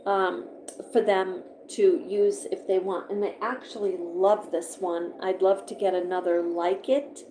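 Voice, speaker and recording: A woman's voice: medium pitch, dark tone, roomy sound, a little hiss or hum, poor audio. A woman live-streaming about her pet finches, chatting casually and rambling as she reads notes aloud and comments on them. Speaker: pet bird vlogger. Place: indoor room beside a birdcage.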